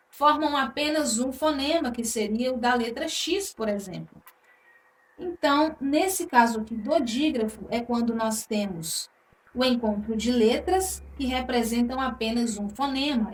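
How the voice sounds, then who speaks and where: A woman teaching an exam-prep grammar lesson, patient and drawn-out, checking in with "tá?" often. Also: high voice. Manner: slow, patient, drawn-out words, frequent "tá?". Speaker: Portuguese teacher. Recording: echoey room, voice from a distance.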